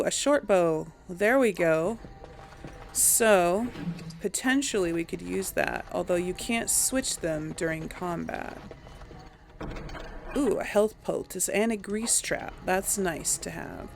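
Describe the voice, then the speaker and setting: This woman narrates her role-play playthrough in a relaxed let's play style, thinking aloud as she games. Her voice is medium in pitch, with noticeable vocal fry.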